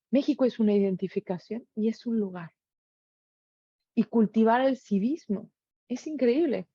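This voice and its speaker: A middle-aged woman with a Mexican accent speaks at medium pitch, with no echo and a lo-fi sound. She shares her reflections in an earnest monologue full of rhetorical questions.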